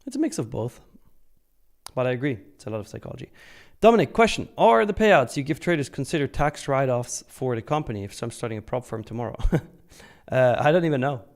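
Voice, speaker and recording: This live stream host trades futures and keeps the chat loose, commenting, answering viewers, cracking jokes and swearing without restraint. His voice is medium in pitch with lively intonation, and his pace is a little fast.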